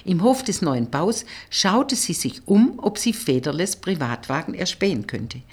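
A woman reads a novel aloud in a husky, low voice. Her delivery is expressive, with lively rises and falls in pitch. It is a storytelling audiobook narration. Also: measured pace.

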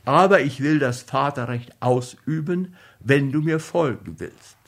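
Man voicing a stern storybook nobleman, sharp forceful tone, unhurried. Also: medium pitch, vocal fry. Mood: angry, firm. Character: proud nobleman defending a dead woman's honor.

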